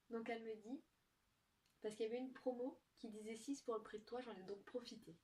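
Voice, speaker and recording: A young woman chatting casually to camera as she opens gifts, soft-spoken and giggly, thinking aloud. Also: on the high side. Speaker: vlogger opening gifts. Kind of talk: casual unboxing chat to camera. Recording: distant mic with faint noise.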